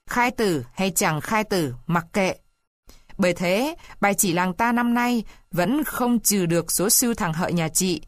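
A woman voicing an officious male village clerk who explains the rules loudly, in a storybook reading. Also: medium pitch, unhurried, dry recording, lightly acted. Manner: declaiming, officious.

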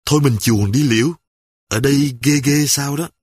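A man's voice: mid-range voice, normal speed, a little mellow, breathy edge, no room sound, pitched above the performer's own voice, lightly acted. A man voicing a scared young gang member who stammers. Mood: frightened. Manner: stammering, nervous.

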